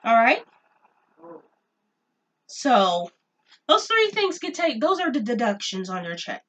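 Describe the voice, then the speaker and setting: A young woman vents in a casual vlog, her fairly high voice bright and sharp. She sounds exasperated and circles back to repeat her points. She sits a little back from the camera mic, so the sound is slightly distant. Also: big pitch swings, takes it slowly. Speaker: vlogger. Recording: voice a bit off-mic.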